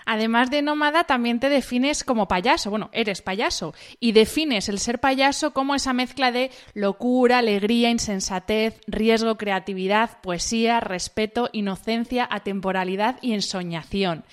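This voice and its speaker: A woman's voice: fairly high pitch, moderate pace, few pauses. A woman podcast host with a Spanish accent, asking long, carefully framed interview questions.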